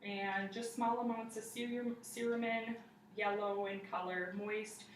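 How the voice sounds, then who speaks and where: A woman's voice: medium pitch, steady tone, measured pace. Distant young woman narrating a clinical exam. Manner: procedural, step-by-step narration to a patient and observer. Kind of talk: spoken clinical exam demonstration, narrating findings. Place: living room, indoors. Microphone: camera across the room. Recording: roomy, distant camera mic, faint noise.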